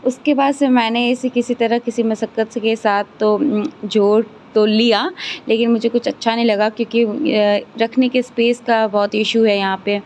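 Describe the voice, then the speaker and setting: A woman's voice: fairly high pitch, a little mellow, a little hiss or hum. A young woman narrating her family vlog in a chatty, rambling way, with fillers and restarts. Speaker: family vlogger and mother.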